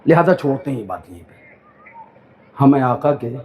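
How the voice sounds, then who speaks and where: A man's voice: mid-range voice, animated, a little mellow, slight background noise. A man preaching a sermon to a live gathering, declaiming, chanting verses and urging the listeners to call back. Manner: declamatory, urging crowd to respond. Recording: live outdoor crowd event. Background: crowd responding.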